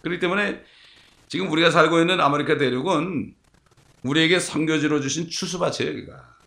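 Man, pastor, sermon, gravelly voice, storytelling, rhetorical questions to the congregation. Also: a little high, fairly quick, pushed and bright.

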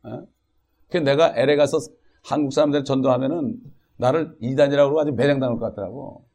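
A man preaching a sermon as pastor, reading scripture aloud and then talking in an animated way, often tossing rhetorical questions at the congregation. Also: medium pitch, quick pace.

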